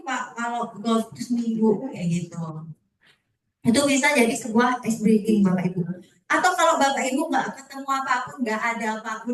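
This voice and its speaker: A woman's voice: high voice, fairly bright tone. A woman sales trainer, casual and chatty, talking directly to her audience and tagging her phrases with "ya". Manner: ends phrases with a questioning "ya". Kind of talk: training session talk. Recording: echoey room, far from the mic.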